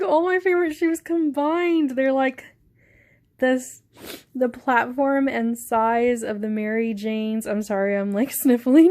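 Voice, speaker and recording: A young woman vlogger with a slightly raised pitch. She gushes and giggles through a casual unboxing, breathless with excitement.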